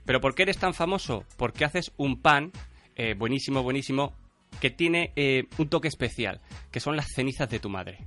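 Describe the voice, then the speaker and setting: Man, improv game host, animated, bright voice, teasing, faint music behind. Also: medium pitch, moderate pace. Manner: teasing, checks in often with "¿vale?". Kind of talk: setting up improv prompts.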